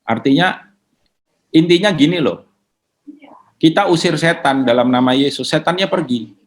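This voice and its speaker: A man answering questions in a relaxed, conversational teaching manner, mixing in English words. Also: fairly high pitch, normal speed. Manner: casual, mixes in English words.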